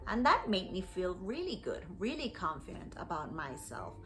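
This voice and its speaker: Speaking in a fairly low, slightly bright voice that is very animated, at a moderate pace, a Costa Rican woman with a Costa Rican accent tells learners a personal story. A native Spanish speaker teaching English, she phrases things clearly and encouragingly, and faint music plays behind her.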